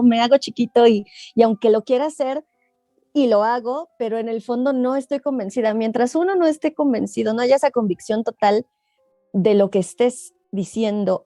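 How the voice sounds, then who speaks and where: A woman's voice: medium pitch, dry recording, clean studio sound. A woman, an oral storyteller, talking in an interview and telling a tale playfully to her listeners. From Mexico. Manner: expressive, playful, addresses the audience.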